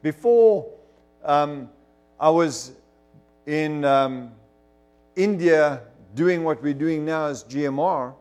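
A middle-aged man from Zimbabwe preaches a sermon testimony to a congregation, telling his story emphatically with bursts of fervor. His voice sits on the high side with a darkish tone.

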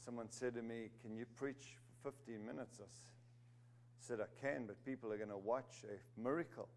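With slight background noise behind him, a medium-pitched man preaches at a moderate pace. Born in Zimbabwe and raised in South Africa, he's emphatic, rising to stress key words and adding humorous asides.

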